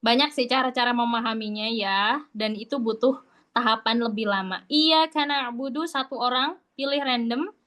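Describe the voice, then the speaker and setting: Woman recitation teacher, high voice, chatty and patient, demonstrates sounds. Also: normal speed, fairly bright tone. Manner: casual, chatty explaining. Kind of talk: online recitation class.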